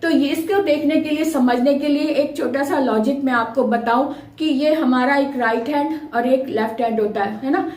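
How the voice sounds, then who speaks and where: Woman teacher, high-pitched, patient and repetitive, drawing out sounds for kids; echoey room. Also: moderate pace, a little mellow. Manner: patient, repeats and stretches sounds to demonstrate. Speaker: Hindi teacher. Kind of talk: explanatory lesson for children.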